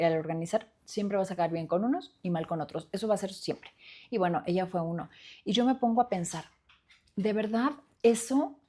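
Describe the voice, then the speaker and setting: A woman's voice: lowish voice, dark tone. A woman, hosting a solo podcast and speaking earnestly and reflectively, with many fillers and restarts. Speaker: podcast host. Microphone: studio microphone.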